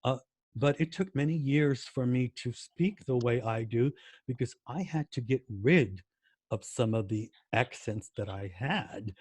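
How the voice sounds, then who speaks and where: A man's voice: medium pitch, measured pace, darkish tone, slightly rough, no room sound. An American man answering interview questions in a casual way, with many fillers and restarts and words repeated for emphasis. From United States. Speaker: guest language educator.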